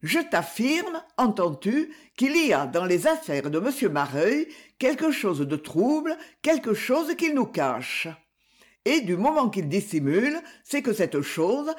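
A woman's voice: medium pitch, big pitch swings, measured pace. A reader voicing a pleading, insistent aristocratic mother in an audiobook. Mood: persuasive. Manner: imploring, tenderly persuasive.

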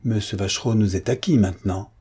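Ironic, sneering gentleman, read by a man; sarcastic, low, husky voice. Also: a little fast.

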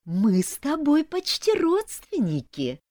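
A woman's voice: sits high, wildly swooping pitch, slow, darkish tone, no room sound, studio quality, voice pushed up, full character voice. A woman voicing a scheming snake-woman aunt who talks in a syrupy, hissing way in an audiobook. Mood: fake sweetness.

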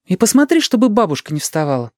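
A bustling, affectionate mother with a raised, lively voice, as a man reading the story puts her on. She chatters quickly from one errand to the next, in a dry close recording. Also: high-pitched, no echo, voice pushed up. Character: tired caring middle-aged mother, brisk.

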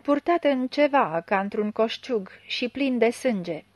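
A woman reading the part of a gruff, grumbling fortune-telling healer, a convict, in a story. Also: a little high, lively intonation, dry recording, natural voice. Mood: grim. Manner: grumbling, curt.

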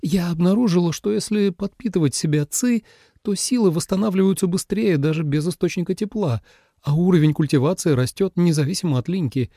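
A man doing a young snake-spirit girl in an audiobook, pitched well up and hissing with offended pride. Her voice has a dry, close sound and a gravelly edge. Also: brisk, dark tone, no echo. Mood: indignant. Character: young snake spirit woman, proud and touchy.

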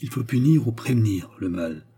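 A man's voice: medium pitch, animated, normal speed, dark tone, husky. A man voicing an earnest, resolute nobleman who exhorts his brother, in an audiobook reading.

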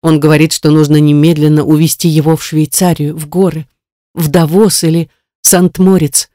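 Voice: mid-range voice, level tone, moderate pace, warm tone, dry recording, studio quality, lightly acted. A reader voicing a grieving, tearful mother. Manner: tearful, pleading. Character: anxious, grieving mother of a sick boy. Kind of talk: audiobook character reading.

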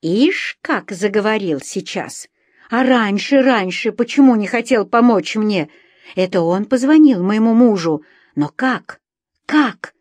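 A woman voicing a frightened, defiant young wife in an audiobook, shouting and pleading. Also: mid-range voice, expressive, measured pace, no echo. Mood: desperate.

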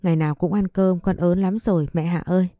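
Tearful three-year-old boy, voiced by a woman narrator, mellow tone, storybook reading. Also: on the low side, fairly even intonation, brisk, no echo, natural voice. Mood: pleading, childlike.

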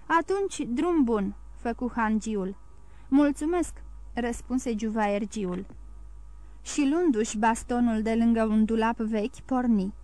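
A woman narrating a classic novel as an audiobook in a steady, measured storytelling way. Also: fairly high pitch, dry recording.

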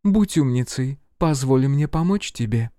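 A man's voice: fairly high pitch, lively intonation, normal speed, warm tone, dry recording, studio quality, natural voice. A man reading an audiobook voices a cold, determined female agent who gives commands.

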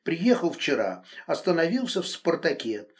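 A man's voice: big pitch swings, moderate pace. A man voicing a furious, controlling married man. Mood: curt. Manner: shouting accusations, then hissing low threats. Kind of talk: audiobook reading.

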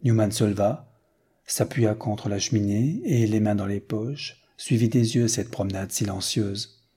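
A male audiobook narrator with a mellow, slightly husky voice. He reads a classic novel in a measured, unhurried manner. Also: fairly low pitch. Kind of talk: scripted narration.

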